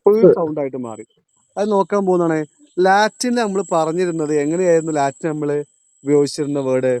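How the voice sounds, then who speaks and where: A male teacher, lecturing in a classroom, quizzing his students and repeating each point, slowing down on key terms. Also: on the high side, dark tone, smooth, dry recording.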